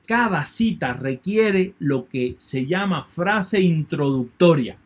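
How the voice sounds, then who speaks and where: A man's voice: on the high side, animated, takes it slowly. A man teaching an online lecture in a methodical way, repeating key points and thanking his students. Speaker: university lecturer.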